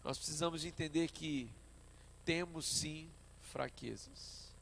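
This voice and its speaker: A man with a Brazilian Portuguese accent, a pastor preaching a sermon at a church service and telling stories in an animated way. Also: fairly high pitch, slow, creaky, a little hiss or hum. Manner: animated storytelling, acting out his own past dialogue.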